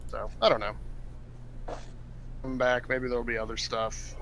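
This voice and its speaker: A man's voice: medium pitch, level tone, unhurried, creaky, fairly bright tone, slight background noise. A man co-hosting a casual gaming podcast from home over a headset, rambling and joking with lots of fillers. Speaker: podcast co-host.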